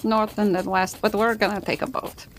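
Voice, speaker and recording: A woman's voice: medium pitch, fairly even intonation, normal speed, slight background noise. A woman chatting casually and informally in character as a player in a tabletop game, often repeating words.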